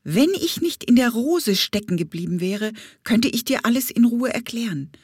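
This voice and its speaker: A woman's voice: fairly high pitch, animated, normal speed, darkish tone, breathy edge, no room sound, clean studio sound, voice pushed up. A woman voicing a bossy, fussing little female bumblebee in a children's audiobook, talking urgently and scolding.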